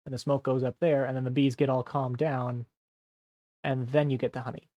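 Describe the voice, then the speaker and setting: A man in a relaxed gameplay stream, talking through what he sees at a middle pitch. He explains things slowly and simply, as if walking a friend through it. His voice is close and dry, with no room sound. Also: no room sound, dull audio. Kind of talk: casual gameplay chat.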